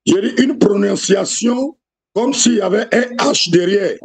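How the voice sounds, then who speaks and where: A man's voice: high-pitched, unhurried, vocal fry, crowd noise. A man in an online class, asking questions and checking that he understands. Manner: inquisitive, checks his understanding. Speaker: student.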